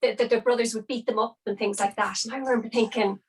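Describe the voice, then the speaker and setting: A woman's voice: on the high side, fairly even intonation, fast talker, slight background noise. A woman with an Irish Midlands accent chatting casually as an interview guest, peppering her talk with "like" and "you know". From Longford, Irish Midlands. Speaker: podcast guest, opera soprano.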